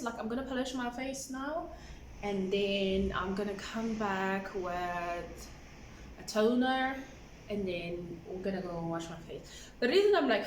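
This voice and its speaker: Filming indoors at home on a stand-mounted camera, this twenty-something vlogger chats about her self-care routine, rambling, laughing a lot and filling gaps with "like." She speaks in a mid-range voice; the mic is slightly distant and roomy, with faint ambience and a bit of background noise.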